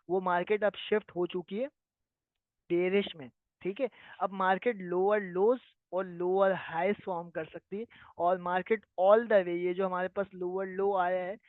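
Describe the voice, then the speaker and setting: The high-pitched speaker is a man leading a live trading lesson online, responding to viewer questions. Patient throughout, he often confirms his listeners understand. The recording sounds dry and thin, like a phone call.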